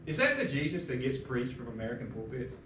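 A man's voice: mid-range voice, sing-song, quick pace, echoey room, noisy background. A middle-aged man pastor preaching a sermon at a lectern, asking emphatic rhetorical questions, recorded by a far camera in a large carpeted church room.

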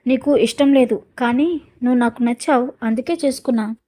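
A blunt, dismissive young husband, as a woman reads him in a spoken story. The voice stays soft and mellow, pitched a little high, with little change from the narrator's own. Each line comes out cold and matter-of-fact. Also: a little fast, natural voice. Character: forceful entitled young husband, male. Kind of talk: storytelling with quoted dialogue.

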